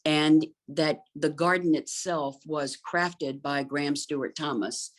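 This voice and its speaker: A woman's voice: sits low, measured pace. A middle-aged woman, an interior designer, chatting about gardens in a thoughtful, fluent way with frequent ums. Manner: thoughtful, fluent with many um fillers. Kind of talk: conversational talk about gardens.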